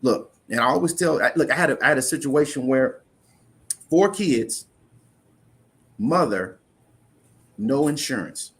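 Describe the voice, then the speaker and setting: Speaking with a mid-range, expressive voice, an interview guest on insurance investment takes an unhurried pace with long pauses. He explains financial topics earnestly and conversationally, frequently starting sentences over and repeating words.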